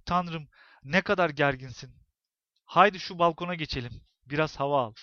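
A man voicing a gentle, loving young woman in a spoken story, soothing and soft. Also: a little high, moderate pace, dry recording, highs cut off.

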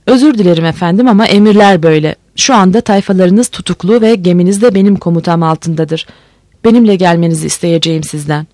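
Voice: medium pitch, quick pace, a little mellow, no echo, clean studio sound, lightly acted. A reader voicing a male navy officer who is formal, respectful and firm.

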